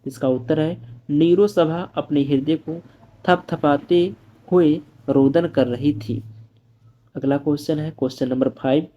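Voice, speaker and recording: A male teacher going through exam-paper answers, reading each answer slowly and explaining it simply. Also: a little high, steady tone, muffled recording, slight background noise. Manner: reads answers aloud slowly, then explains in plain asides. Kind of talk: exam-prep lesson.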